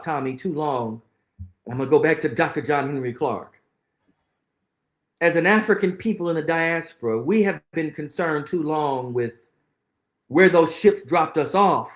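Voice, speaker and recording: Guesting on an interview show, a middle-aged man with a somewhat high voice speaks earnestly and reflectively, pressing his points and repeating phrases to give them weight. A noticeable room echo colors the audio.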